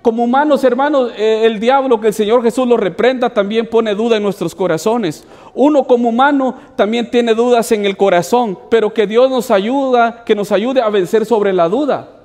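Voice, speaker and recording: A man's voice: very high voice, moderate pace, darkish tone. A man preaching as a pastor, addressing the congregation as brothers and asking rhetorical questions. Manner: preaching with repeated "hermanos" asides and rhetorical questions. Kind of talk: sermon. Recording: long hall reverb.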